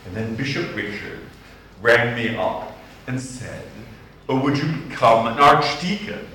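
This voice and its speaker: This archdeacon from Boston, USA, is middle-aged and preaches a funny sermon full of wry anecdotes, speaking slowly and deliberately. His voice sits at medium pitch with a lively, sharp tone. The distant mic picks up a roomy church sound and slight hiss or hum.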